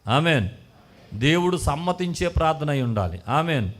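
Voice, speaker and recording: A man's voice: a little high, big pitch swings, normal speed, fairly bright tone. A man preaching a sermon as pastor, leading the congregation in call and response and acting out sample prayers with emphatic rising bursts.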